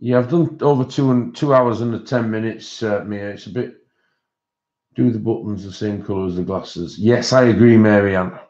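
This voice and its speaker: A man with a fairly deep voice hosts a casual livestream. He talks to viewers informally, hesitating and thinking out loud as he goes. The sound is dull and lo-fi. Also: normal speed. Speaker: livestream host.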